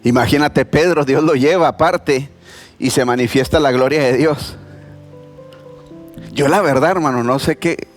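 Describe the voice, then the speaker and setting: A man, preaching a sermon in a church in a conversational, animated storytelling way. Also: medium pitch, a little slow, long pauses, soft background music. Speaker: pastor.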